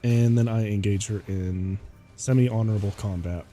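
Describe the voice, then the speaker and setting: A man's voice: lowish voice, fairly even intonation, normal speed, mellow, soft background music. A man streaming a video game in casual commentary, sounding sleepy and stuffy, rambling and laughing often. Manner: giggly, rambling.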